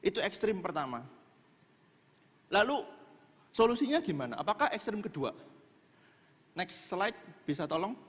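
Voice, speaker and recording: A male preacher with a lilt gives a sermon in a chatty, joking way. His voice is high for a man. A long hall echo trails after his words in the church. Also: sing-song, normal speed, pauses often, fairly bright tone, breathy edge.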